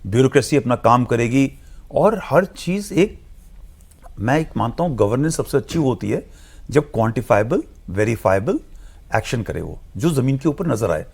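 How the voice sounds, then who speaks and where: Gravelly man explaining at length. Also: mid-range voice, animated, darkish tone. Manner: measured, lecturing, mixes in English phrases. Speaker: guest analyst. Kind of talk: explanatory TV discussion.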